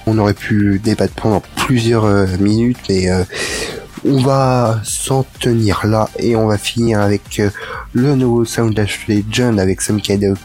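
A man's voice: on the low side, fairly even intonation, measured pace, darkish tone, faint music behind. Hesitant man hosting a radio chat. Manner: hesitant, many fillers and restarts. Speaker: radio show host.

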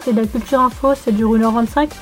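High-voiced young woman, off-mic. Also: steady tone, fast, faint music behind. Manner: teasing, hesitant with fillers. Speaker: radio co-host. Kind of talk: casual radio chat reading TV listings.

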